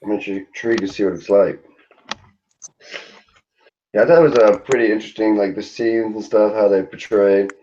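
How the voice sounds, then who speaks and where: Low, mellow young man student, lo-fi. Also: fairly even intonation, moderate pace, pauses often, a little hiss or hum. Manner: hesitant, loose, lots of fillers. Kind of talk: casual group discussion.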